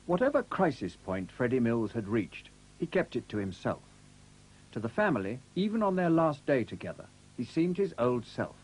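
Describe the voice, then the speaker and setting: A man narrating a documentary in a measured, scripted way. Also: medium pitch, breathy edge, poor audio. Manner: measured, expressive delivery.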